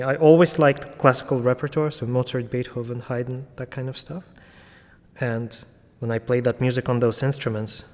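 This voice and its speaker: Heard in a large hall, this medium-pitched, darkish male voice belongs to a classical pianist in his thirties from Latvia who grew up in Ukraine. Appearing as an interview guest, he talks casually and reflectively, often using fillers and starting over.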